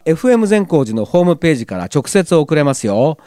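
A man's voice: on the high side, very animated, brisk, dark tone, clean tone, no echo. A man hosting a community radio show, chatting casually and reading listener letters aloud in a studio. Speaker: radio host. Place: glass-walled studio in a cinema. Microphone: studio mic.

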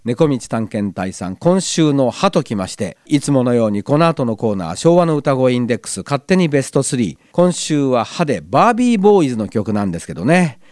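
A man's voice: medium pitch, sing-song, fairly quick, hardly any pauses, a little mellow, no room sound. A man hosting a community radio show, chatting casually and reading listener letters aloud in a studio. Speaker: radio host. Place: glass-walled studio in a cinema. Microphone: studio mic.

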